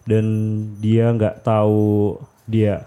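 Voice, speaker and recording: A man's voice: fairly low pitch, monotone, extremely slow, warm tone. A man explaining things as a podcast guest in an informal, hesitant way, searching for words as he goes. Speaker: podcast guest, youth health educator. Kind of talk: casual explanatory interview talk.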